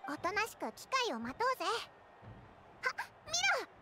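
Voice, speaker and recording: A woman voicing a tiny, chatty, excitable childlike fairy companion in an anime game, squeaky, with music behind. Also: moderate pace, heavy background noise. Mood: curious, excited.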